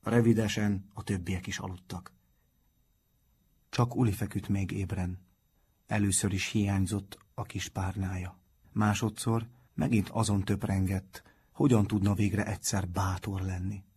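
A man with a husky voice narrating a children's book in a calm, steady storytelling manner. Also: deep voice. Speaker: audiobook narrator. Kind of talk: scripted narration.

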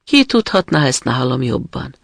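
A man voicing a gentle, homesick reindeer who speaks in a wistful, sighing way, in a storybook reading. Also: medium pitch, very animated, gravelly, no echo, studio quality.

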